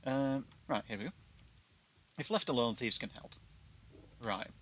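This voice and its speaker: Bright-voiced British man dropping his T's. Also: mid-range voice. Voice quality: glottal stops, dropped T's. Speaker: video game player giving a walkthrough. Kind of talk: casual gameplay commentary. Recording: noticeable background noise.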